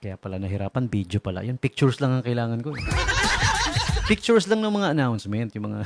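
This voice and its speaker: Lively, joking male radio DJ. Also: medium pitch, fairly quick, heavy background noise. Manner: animated and joking, laughs often, fires rhetorical questions at listeners. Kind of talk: casual radio talk. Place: radio station studio.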